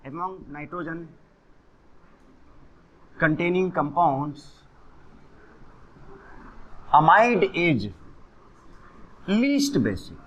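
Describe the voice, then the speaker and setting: A man teaching chemistry in a classroom, switching between Hindi and English as he explains. His voice sits high and swings widely in pitch, and he keeps pausing to quiz his students. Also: lively intonation, a bit bright, highs cut off. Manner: mixes Hindi and English, quizzes students with questions. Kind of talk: classroom lecture.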